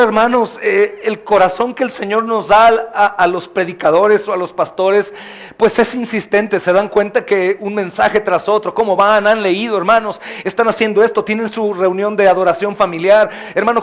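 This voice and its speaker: A male pastor preaching a sermon with passion, often calling out to the congregation with questions and swinging from soft lines to loud cries. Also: high-pitched, steady tone, fairly quick. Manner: addresses the congregation as brothers, asks questions.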